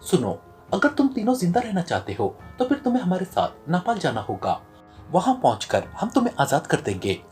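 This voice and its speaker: A man voicing a stern, sharp-witted male secret agent, reading in a serious tone from an audio novel. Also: fairly high pitch, huge pitch swings, a little fast, faint music behind.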